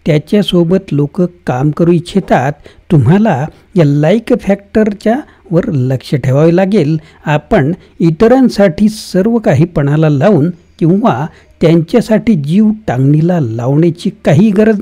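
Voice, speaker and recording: A narrator reading a self-help book summary in a steady, even scripted narration with no fillers. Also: mid-range voice.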